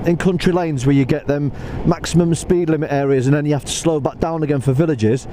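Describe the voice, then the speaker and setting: A man with a slightly high voice gives an off-the-cuff motorbike review while riding. He talks from inside his helmet in a chatty way, thinking aloud. Wind and engine noise are clearly heard around his voice. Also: fairly even intonation, a little fast, dark tone. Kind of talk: spontaneous riding commentary. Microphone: microphone inside helmet.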